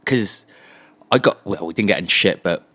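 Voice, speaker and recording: Male guest, very low voice, dry close sound, chatty swearing storyteller. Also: normal speed, fairly bright tone, no room sound. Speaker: interview guest. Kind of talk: casual chat.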